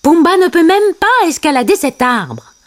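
A woman reading aloud, voicing a chatty, bossy little male meerkat who talks fast and sounds very sure of himself. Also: sits high, sing-song, a little mellow, pitched above the performer's own voice. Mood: excited.

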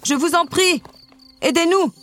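A woman reading a storybook aloud, voicing a king who loudly begs for help for his daughter. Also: extremely high pitch, unhurried, a little hiss or hum, voice pushed up. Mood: desperate. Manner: loud, desperate pleading. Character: desperate king, pleading father.

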